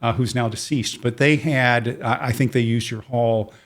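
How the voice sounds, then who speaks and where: A man's voice: mid-range voice, fairly even intonation, moderate pace. Hesitant male interview host. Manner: hesitant, many fillers and restarts. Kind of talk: casual interview conversation.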